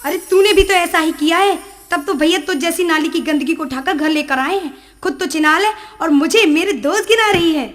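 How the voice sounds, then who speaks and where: A woman's voice: very high-pitched, fairly quick, few pauses, a bit bright. A young woman playing a cruel, scheming sister-in-law who snarls threats in a rural film. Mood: vicious. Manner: snarling threats, fake tearful whining. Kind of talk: rural Hindi film acting.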